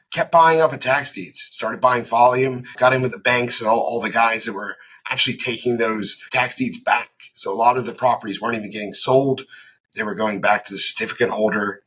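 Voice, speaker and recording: A man's voice: lowish voice, a bit bright, slightly rough, rough recording. A man in his thirties, a business founder, telling his career story as a podcast guest in a laid-back, matter-of-fact way. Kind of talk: casual interview answers.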